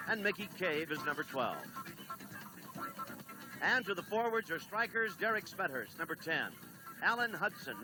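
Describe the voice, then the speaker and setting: A man calling a late-1970s televised soccer match as play-by-play announcer, briskly reading standings, lineups and notices. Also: high voice, rough recording. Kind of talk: 1970s TV sports broadcast. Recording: old TV broadcast with steady noise.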